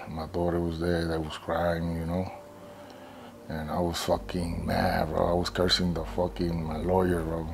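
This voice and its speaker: A middle-aged man, the boxer's father, speaking emotionally and roughly in a documentary interview, swearing as he talks. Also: low voice, a little mellow, a little hiss or hum.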